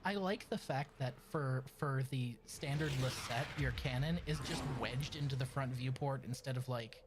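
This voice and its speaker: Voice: mid-range voice, moderate pace, noisy background. A streamer chatting casually while gaming, teasing and swearing playfully. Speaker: streamer and host. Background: video game sounds.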